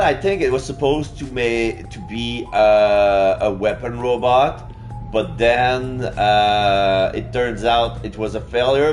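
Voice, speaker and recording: A man playing a video game, commenting casually and playfully and reading the on-screen text aloud. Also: mid-range voice. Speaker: let's play streamer. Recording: background music under the voice.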